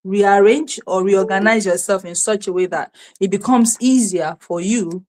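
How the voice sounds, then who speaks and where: A Nigerian woman whose first language is Yoruba hosts a motivational livestream, speaking to camera on a streaming setup in a medium-pitched, darkish voice at a moderate pace. As a self-help coach, she repeats key words and asks her audience rhetorical questions.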